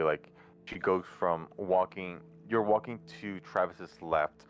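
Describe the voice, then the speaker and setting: A man running a tabletop role-playing game on stream, talking casually with many fillers and the odd swear. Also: low-pitched. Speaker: game master.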